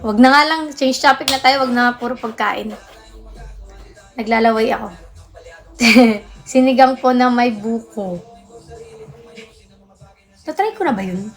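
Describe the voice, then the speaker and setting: A woman's voice: on the high side, unhurried, pauses often, faint music behind. A young woman hosting a casual livestream, chatting, answering viewer comments and thanking gifters. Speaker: livestream host.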